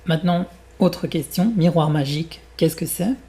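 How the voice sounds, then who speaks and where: Gravelly-voiced French teacher. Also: male voice, a little high, mellow. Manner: slow, deliberate, teacherly. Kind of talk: reading a tale and leading exercises.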